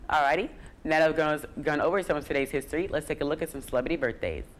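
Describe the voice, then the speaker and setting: A man's voice: a little high, fairly bright tone, rough recording. Upbeat young man hosting a history segment. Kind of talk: student news segment reading.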